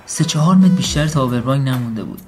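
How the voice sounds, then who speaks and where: A man narrating a comic first-person story in a deadpan tone. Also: medium pitch. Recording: faint music behind.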